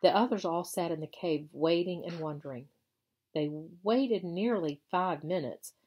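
A woman teacher reading a children's novel aloud to her class in a measured, expressive storytelling voice. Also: lowish voice, husky.

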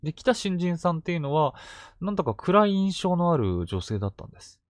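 A man narrates true ghost stories in a hushed, suspenseful way. His pitch swings widely as he builds dread. The sound is dry and close, with no room around it. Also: very animated, fast talker, no room sound. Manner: hushed, suspenseful storytelling with sudden vivid quotes.

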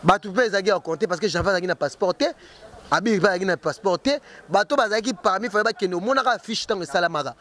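A man with a notably high speaking voice answers interview questions. He talks emphatically, circles back on his own words, and keeps pressing his point in an easy, conversational flow. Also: rapid-fire, a bit bright. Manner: emphatic, repeats words and restarts while arguing. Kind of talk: casual street interview.

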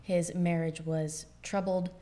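A young woman co-hosting a podcast, chatting casually about history with frequent laughs and quick asides. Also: on the low side, little pitch movement, mellow. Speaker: podcast co-host.

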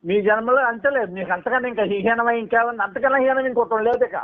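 A man's voice: very high-pitched, fast talker. A man with a Telugu accent arguing over a phone call, pressing the same questions again and again. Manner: persistent, repeating his questions over the other caller. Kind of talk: heated phone argument. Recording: tinny phone line.

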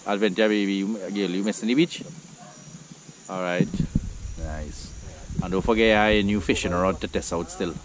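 A man's voice: sits low, fairly even intonation, normal speed, long pauses. A Trinidadian man casually narrating a nighttime outdoor cookout vlog for the camera, easygoing and chatty, laughing often. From Trinidad and Tobago. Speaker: vlogger.

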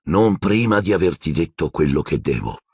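A man voicing a serene old wizard headmaster, speaking calmly and softly. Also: low voice, slightly rough, no room sound, studio quality, heavily acted. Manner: calm, measured and soft-spoken.

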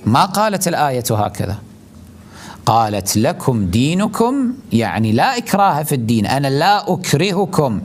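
A male cleric giving a forceful religious lecture, asking rhetorical questions and repeating his points for emphasis. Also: mid-range voice, very animated, moderate pace. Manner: rhetorical questions, mimics opponents in a raised voice.

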